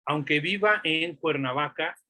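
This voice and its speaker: Mexico city guy teaching a class online, high bright voice, keeps asking "¿no?". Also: unhurried, no echo. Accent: Mexico City Spanish. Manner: explains with rhetorical questions and "¿no?".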